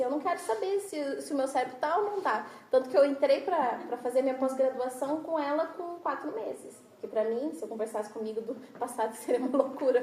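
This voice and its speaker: High-voiced Brazilian woman giving a devotional talk. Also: darkish tone, roomy sound, poor audio. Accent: Brazilian Portuguese. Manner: chatty and self-deprecating, laughing often. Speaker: speaker at a church women's meeting. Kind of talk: devotional talk to a women's group.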